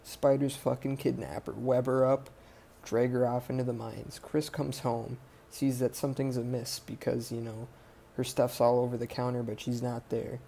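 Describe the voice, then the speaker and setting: Male podcast host, gravelly, warm low tone, rambling profane recap, faint noise behind. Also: flat delivery, normal speed. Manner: rambling, profane, lots of fillers and self-corrections. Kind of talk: casual movie recap.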